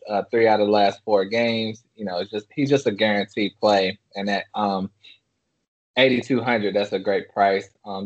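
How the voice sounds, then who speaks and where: Easygoing low-voiced podcast co-host. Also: male voice, no echo. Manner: easygoing, dry sarcasm, with filler words. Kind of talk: casual sports betting talk. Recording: dry, dull lo-fi sound.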